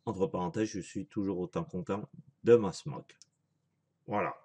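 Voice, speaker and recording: A man's voice: sits low, measured pace, warm tone, slightly rough. A man in a casual home video review, chatty and apologetic, thinking aloud with lots of fillers as he shows products. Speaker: vaping vlogger.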